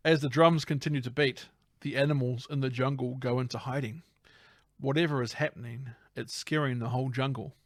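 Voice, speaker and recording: A man's voice: medium pitch, steady tone, a little fast, no room sound, clean studio sound. A man co-hosting a casual film podcast, narrating scenes playfully. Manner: playful narrating recap, breaks into silly voices. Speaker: podcast co-host.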